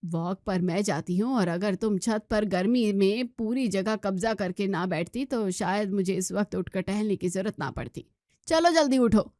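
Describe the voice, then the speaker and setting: A woman voicing a scolding middle-aged mother-in-law who nags in a shrill voice. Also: normal speed, a little mellow, dry recording, studio quality, lightly acted. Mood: irritated. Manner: shrill, nagging complaints.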